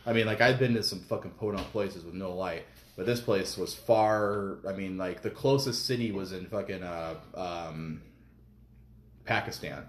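A man's voice: sits low, moderate pace, echoey room, a little hiss or hum. A man telling a war story in casual, profane podcast talk. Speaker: podcast guest, military veteran.

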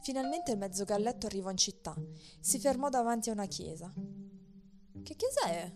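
A woman narrating a fairy tale in an even, expressive read-aloud manner. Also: medium pitch, quick pace. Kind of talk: storybook narration. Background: soft music.

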